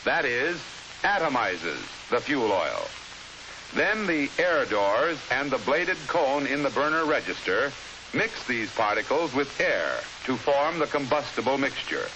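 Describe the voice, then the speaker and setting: Formal and measured, an American narrator explains things from a 1950s instructional film script in a mid-range voice. A steady hiss runs beneath the old soundtrack.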